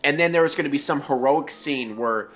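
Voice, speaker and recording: A man's voice: fairly high pitch, brisk, fairly bright tone. A drunk man rambling and butting in during a casual comedic film review. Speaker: movie review co-host.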